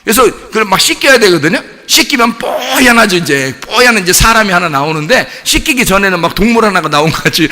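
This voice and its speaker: A man preaching a sermon, animated and playful, putting questions to the congregation and answering them himself. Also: sits high. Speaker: pastor. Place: church. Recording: church hall with long reverb.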